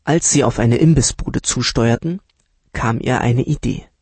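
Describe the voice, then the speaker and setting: A man reading a children's story aloud in a calm, unhurried manner. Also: mid-range voice, breathy edge, no echo. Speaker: narrator.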